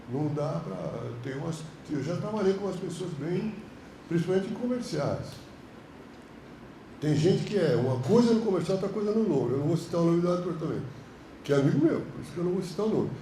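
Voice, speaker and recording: A film director with a Brazilian Portuguese accent lectures a class through loose, slang-filled anecdotes. His voice sits high and swings widely, with a mellow tone. The room around him is roomy and echoey. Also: a little hiss or hum. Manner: animated, colloquial storytelling, frequent slang. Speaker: film director teaching a course. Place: university classroom.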